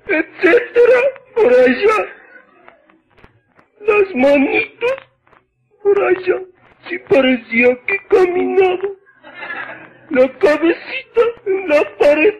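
A man with an Ecuadorian accent voicing a melodramatic, sobbing woman neighbor in a radio joke. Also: exaggerated voice. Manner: sobbing, drawn-out falsetto wails. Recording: lo-fi old radio recording.

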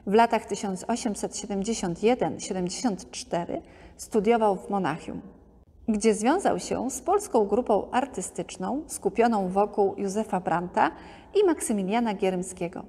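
A woman narrating a museum art-history podcast in a calm, measured scripted reading. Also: mid-range voice, husky. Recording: long hall reverb.

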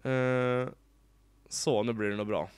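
A man co-hosting a casual Let's Play, excitable and quick to laugh and shout. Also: mid-range voice, clean tone, no room sound, clean studio sound. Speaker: gaming channel co-host.

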